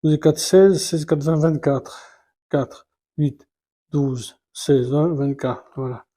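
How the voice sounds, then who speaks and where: A man's voice: fairly high pitch, steady tone, slow pace, dark tone. A man talking casually and hesitantly as he builds a model set, counting pieces aloud and restarting his sentences. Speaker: Lego building vlogger. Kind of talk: casual live building commentary.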